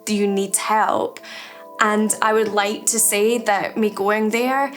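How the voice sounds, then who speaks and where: A woman's voice: medium pitch, fairly even intonation, slow pace, faint music behind. Candid Scottish woman in her thirties. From Scotland, Edinburgh. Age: 30s. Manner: reflective, candid, softly spoken. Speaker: artist. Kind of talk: documentary interview.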